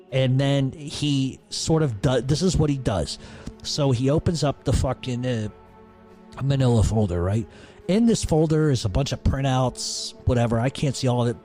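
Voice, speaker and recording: A man's voice: mid-range voice, warm tone. A man telling a story in a blunt, profane, casual way, as a podcast host.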